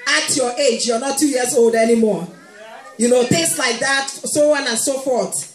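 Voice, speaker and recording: A woman's voice: high-pitched, normal speed. A woman preaching a sermon to a congregation, speaking with humor and often laughing. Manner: warm humorous preaching, playfully quoting moms, laughing. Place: church hall. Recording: echoey hall with faint music.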